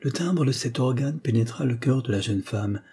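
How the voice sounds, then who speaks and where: A man narrates classic fiction as an audiobook, with measured, dramatic pacing. His voice is dark and mellow. It carries a husky edge. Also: mid-range voice.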